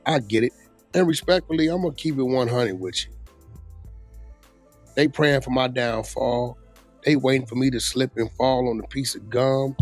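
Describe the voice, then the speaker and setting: A man with a mid-range voice chats bluntly and casually about street gossip, sharing opinions with emphasis and plenty of slang. He speaks at a moderate pace with long pauses, and music plays underneath him.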